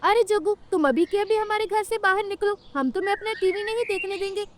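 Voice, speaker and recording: A woman's voice: extremely high pitch, steady tone, fairly quick. Woman doing a stern little girl sparrow. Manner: stern, commanding.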